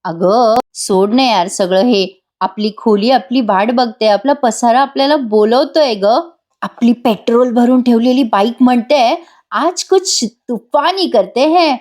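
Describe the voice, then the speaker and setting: A woman's voice: on the high side, a little slow, darkish tone, natural voice. A woman voicing a pleading young husband, a playful rickshaw driver, in a coaxing, teasing manner.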